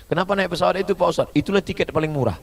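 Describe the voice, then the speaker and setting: A man giving a humorous sermon, swinging between loud high bursts and soft low asides as he mimics foreign phrases. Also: very fast, vocal fry, slight background noise. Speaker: preacher.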